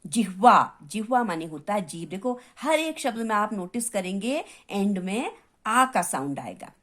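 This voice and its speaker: A woman's voice: medium pitch, big pitch swings, unhurried, fairly bright tone. A woman teacher giving a revision lesson to young students, patiently repeating each word and explaining what it means.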